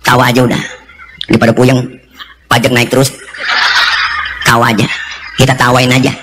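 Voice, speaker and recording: A man's voice: medium pitch, brisk, a little hiss or hum, poor audio. A male preacher, giving a comic sermon full of jokes and acted-out voices. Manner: joking, animated storytelling, voices for characters.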